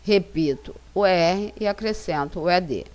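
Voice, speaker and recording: Speaking over lesson slides, this English teacher from Brazil carries a Brazilian Portuguese accent. Her tone sits on the low side and sounds a little mellow as she works slowly and carefully through example sentences.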